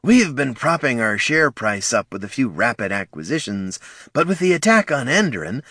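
A curt executive barks at his rival without looking up, his voice pitched up and animated. A man voices him for an audiobook. The sound is dry and close. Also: normal speed, dry recording. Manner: barking, curt. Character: brusque male tycoon, barking and curt.

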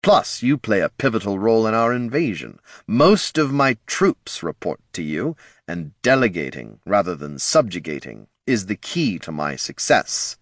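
A scheming undead overlord speaks with silky condescension, his voice climbing high as he lays out his grand designs. A man with a deep voice puts him on for an audiobook. The sound is dry and close. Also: big pitch swings, normal speed, fairly bright tone, no echo, heavily acted. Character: scheming male lich overlord, smug and cold.

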